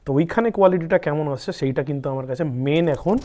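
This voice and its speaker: Speaking in rapid-fire fashion, a man from India hosts a laid-back product review vlog, talking straight to his audience and slipping English terms into his explanations. The recording is studio quality with no room sound, and his mellow voice leans high.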